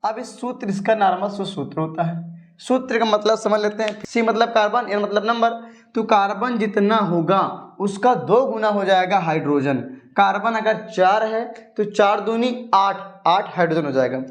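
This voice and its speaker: A man's voice: high-pitched, moderate pace. A man teaching a chemistry coaching lesson in casual with a tinge, chatty and coaxing, who asks his students questions and then answers them himself.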